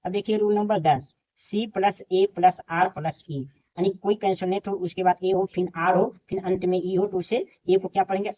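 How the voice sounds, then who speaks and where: A woman's voice: mid-range voice, fairly even intonation, normal speed, hardly any pauses, mellow, low-quality recording. A woman teaching an English phonics lesson step by step, spelling out letters and then saying each word.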